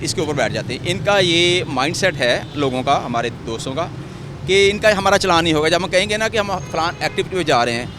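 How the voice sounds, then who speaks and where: Traffic warden explaining over street noise. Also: male voice, a little high. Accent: Pakistani Urdu. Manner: measured, explanatory. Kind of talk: official explaining on camera. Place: roadside outdoors in city traffic.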